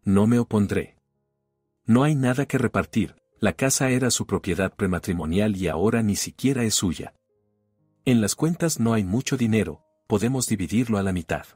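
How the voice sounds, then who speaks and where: A man reading the lines of a weary wronged wife who speaks calmly and firmly, with few words. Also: lowish voice, moderate pace, breathy edge, no room sound, studio quality, soft background music. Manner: cool, resolute, sparing words.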